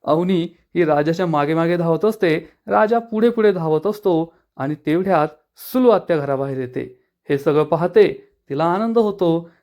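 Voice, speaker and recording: Man, high voice, episode recap narration, brisk storytelling. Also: darkish tone.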